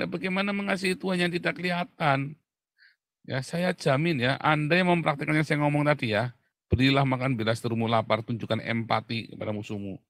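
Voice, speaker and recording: Animated Tegal-accented male pastor. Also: fairly high pitch, no room sound. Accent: Tegal Javanese. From Tegal, Central Java. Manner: animated, swings between loud emphasis and hushed asides. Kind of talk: casual sermon.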